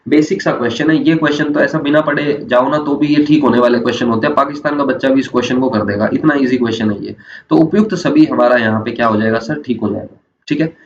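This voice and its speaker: A male coaching teacher, giving an exam-prep lecture. He keeps asking questions and answering them himself, slowing down to stress key terms. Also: medium pitch. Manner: drills facts, slows down to stress key terms. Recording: slightly dull lo-fi audio with faint hum.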